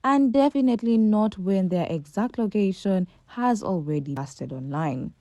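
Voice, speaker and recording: A woman's voice: mid-range voice, lively intonation, normal speed, dark tone, no room sound. A woman reading a scripted commentary voice-over, emphatic and full of rhetorical questions. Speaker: commentary narrator.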